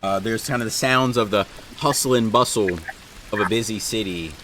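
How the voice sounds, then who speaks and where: Male game master, lowish voice, rambling casual narration. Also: normal speed, fairly bright tone, slight background noise, poor audio. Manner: casual, rambling, many fillers. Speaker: dungeon master. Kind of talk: narrating a tabletop game livestream.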